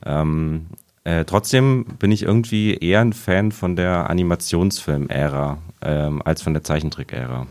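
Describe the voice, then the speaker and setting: A man in his thirties with a smoker's rasp, chatting hesitantly on a casual podcast. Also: sits low, normal speed, a little mellow. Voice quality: smoker's rasp, gravelly hoarse voice. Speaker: film podcast panelist.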